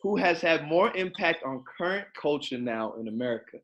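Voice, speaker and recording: A man's voice: a little high, lively intonation, normal speed, fairly bright tone, highs cut off. A man hosting a casual panel show, playful and teasing as he moves the guests to the next question. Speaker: host. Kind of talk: podcast hosting.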